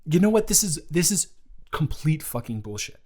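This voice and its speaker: A man voices a young best friend in an improvised intimate audio roleplay, indignant yet gentle, with halting, emotional and natural speech. Here he is angry and indignant, his fairly high voice swinging widely in pitch.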